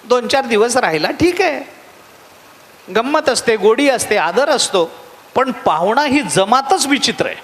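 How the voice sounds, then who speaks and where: A man with a high voice and a Marathi accent delivers a devotional discourse. He slips in and out of character voices as he tells a comic tale. His words trail off into a long hall reverb. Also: lively intonation, unhurried, fairly bright tone. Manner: humorous storyteller acting out characters' voices. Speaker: spiritual discourse speaker.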